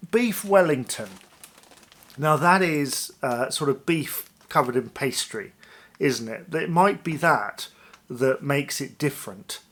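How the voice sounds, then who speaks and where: A man of medium pitch and slightly bright tone hosts a food review vlog, doing a casual taste test for viewers while thinking aloud in a tentative, musing way.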